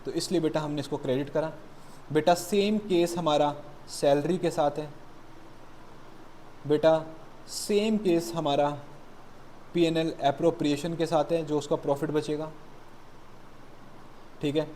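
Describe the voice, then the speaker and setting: A man's voice: on the high side, steady tone, measured pace, long pauses, warm tone, slight background noise. A man teaching an accountancy lesson, calling his students "beta" and mixing explanation with blunt motivational scolding. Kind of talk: classroom lecture.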